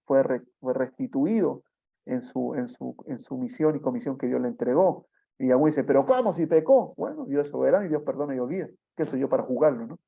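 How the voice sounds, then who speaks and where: A man's voice: mid-range voice, gravelly, warm tone. A man preaching a sermon, telling a testimony in a storytelling way and often adding tag questions. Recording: dull lo-fi sound.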